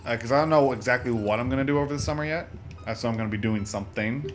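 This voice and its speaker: A man with a medium-pitched voice races through casual, rambling commentary as he hosts a let's play. He keeps cutting himself off with joking asides, while video game music plays behind him.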